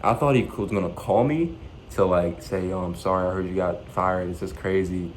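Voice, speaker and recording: A man's voice: low-pitched, moderate pace, slight background noise, low-quality recording. A young man vlogging, telling a story in a loose, profane, slangy way and acting out the dialogue. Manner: animated, profane, slangy retelling with quoted dialogue. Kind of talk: casual storytelling.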